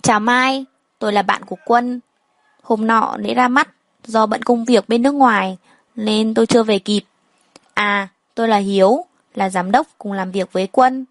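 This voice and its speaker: A woman voicing a polite, confident young male company director who talks briskly, read in a storybook. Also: on the high side, steady tone, dry recording, natural voice.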